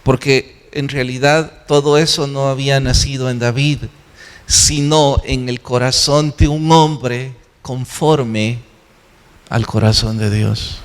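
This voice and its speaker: A man's voice: mid-range voice, fairly even intonation, slow pace. A man preaching a sermon as pastor, earnest and exhorting, often asking questions and answering them himself. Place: church sanctuary. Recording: long hall reverb.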